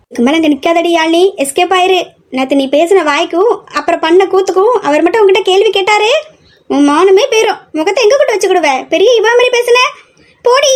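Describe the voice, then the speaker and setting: Brief: woman as a shy, evasive young wife, very high-pitched, nervous rambling. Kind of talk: audio drama acting.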